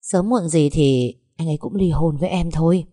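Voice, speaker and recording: A woman's voice: sits low, moderate pace, dark tone, no room sound, studio quality. A woman voicing a spiteful, scheming young woman who taunts and sneers at her rival. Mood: taunting.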